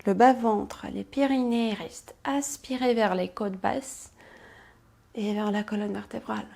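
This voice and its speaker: Lady pilates teacher talking slow and calm, dark husky voice, counts reps, drops to a whisper now and then. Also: medium pitch. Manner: calm, cueing movements and counts with soft whispered asides. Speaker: pilates instructor. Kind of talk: guided exercise class instruction.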